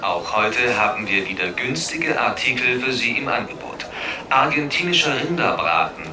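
Echoing supermarket announcer. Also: male voice, lowish voice. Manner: courteous, promotional. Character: male supermarket announcer, courteous salesman promoting bargains. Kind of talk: in-store promotional announcement. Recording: echoey, distant store loudspeaker, noisy.

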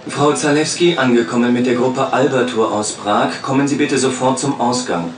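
A man's voice: mid-range voice, steady tone, moderate pace, a little hiss or hum, lightly acted. A man playing an orderly airport announcer, giving formal public address instructions to travellers. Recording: busy crowd behind the voice.

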